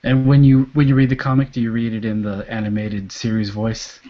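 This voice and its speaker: A man co-hosting a comic book podcast, speaking in a laid-back, hesitant way with many fillers and quiet trailing endings. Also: medium pitch, level tone, brisk. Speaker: podcast co-host. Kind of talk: casual chat. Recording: dull lo-fi podcast audio.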